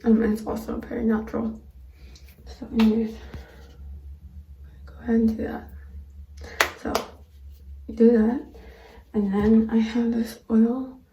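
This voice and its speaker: A woman talking casually to camera in a vlog, explaining things in a halting way with pauses mid-sentence. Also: fairly high pitch, flat delivery, muffled recording, a little hiss or hum. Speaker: vlogger. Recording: roomy echo, distant microphone.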